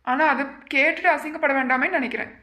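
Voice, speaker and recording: A woman's voice: high voice, fast talker, pushed and bright. A woman voicing a worried husband and older brother in a cartoon, troubled and brooding. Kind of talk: cartoon family drama.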